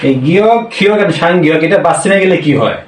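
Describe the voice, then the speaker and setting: Male language teacher, slightly high voice, patient and repetitive, roomy sound set back from the mic. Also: animated, far from the mic. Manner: slow, repeats each point, asks questions and answers them himself. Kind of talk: spoken language lesson.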